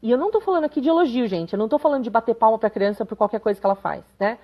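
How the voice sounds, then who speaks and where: A woman's voice: fairly high pitch, lively intonation, rapid-fire, dull audio. A woman in her thirties giving a live parenting talk, chatty and conversational, often checking in with her viewers. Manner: conversational, frequent tag questions, reads comments aloud. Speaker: parenting educator.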